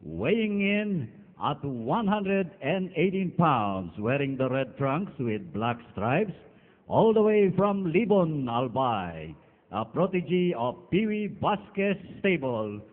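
A man's voice: on the high side, very animated. Boxing ring announcer, man echoing through a hall. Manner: ceremonious, drawn-out calling of names. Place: large indoor arena. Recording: echoing arena PA, phone-like sound.

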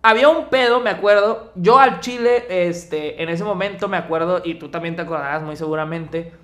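A young man with a Mexican Spanish accent tells a personal story to a friend in loose, slang-heavy conversation. His voice sits high and sounds bright, almost sharp. He acts out the quoted lines as he goes. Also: normal speed. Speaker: podcast co-host. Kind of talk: casual storytelling chat.

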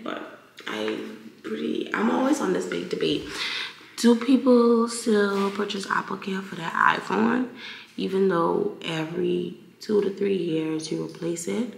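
A woman's voice: lowish voice, creaky, a bit bright, a little hiss or hum. A young woman vlogging casually at home, chatty and candid, with a groggy morning voice. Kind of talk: casual vlog chat. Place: home, indoors. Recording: roomy home echo.

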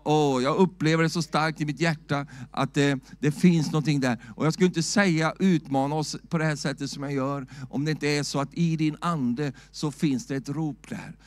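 A middle-aged man preaching a sermon in a church, shouting at times and asking the church "va?" in a loose, talky way. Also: fairly high pitch, fairly even intonation, few pauses, no echo. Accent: Swedish. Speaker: pastor.

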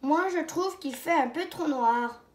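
A woman's voice: high-pitched, a little slow. A woman reading a storybook aloud, voicing a curious, slightly timid little girl who asks questions and wonders aloud. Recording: roomy echo.

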